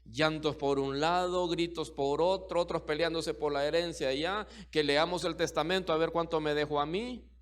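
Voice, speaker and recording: A man's voice: a little high, fairly even intonation, normal speed, hardly any pauses. A middle-aged man preaching a sermon as pastor, emphatic and repetitive, full of rhetorical questions.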